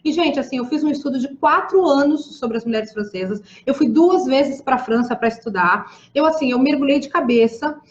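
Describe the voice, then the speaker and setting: A woman in her thirties telling her personal story to an online audience in a chatty, animated way. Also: high-pitched, normal speed, few pauses. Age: 30s. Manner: chatty and animated, addresses listeners as "gente". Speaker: live-stream host. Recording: roomy, slightly dull live-stream audio.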